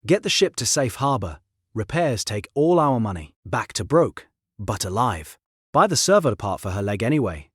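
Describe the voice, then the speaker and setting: A man narrating a story in short, clipped, terse sentences with a husky voice. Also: medium pitch, no echo, clean studio sound.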